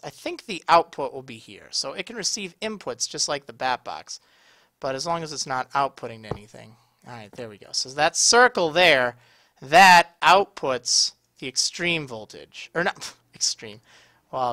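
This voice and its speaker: A man's voice: fairly high pitch, pushed and bright, no echo. A man with a slightly strained, tired voice giving casual, explanatory video game tutorial commentary. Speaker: gaming video host.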